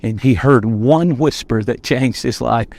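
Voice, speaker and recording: Man, pastor, sermon, earnest, emphatic, outdoors on a boat, mid pitch. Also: measured pace, vocal fry, a little mellow. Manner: earnest, emphatic preaching with repetitions.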